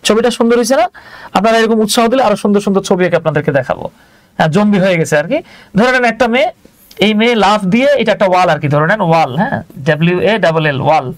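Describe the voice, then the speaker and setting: A man's voice: sits high, animated, very fast. A man teaching an English lesson live, chatty and often checking that viewers follow.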